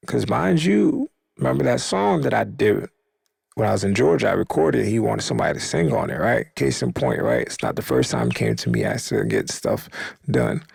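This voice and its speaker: Gravelly, husky-voiced man telling a story. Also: very animated, moderate pace, a little mellow, no echo, studio quality. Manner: slangy and profane, acts out quotes in a higher voice. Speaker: podcast host. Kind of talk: casual storytelling.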